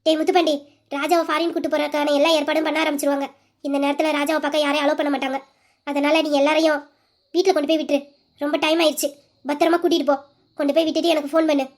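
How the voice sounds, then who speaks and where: A woman voicing a firm, protective elder sister who gives steady, commanding instructions in an audio drama. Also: high-pitched, very fast, pitched below the performer's own voice.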